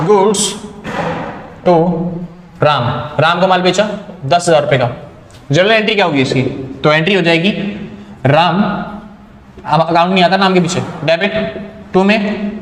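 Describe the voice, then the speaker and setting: Male accounting teacher, higher voice, quizzes himself step by step, roomy echo. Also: slight background noise. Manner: explains step by step, asks and answers his own questions. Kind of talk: accounting lecture.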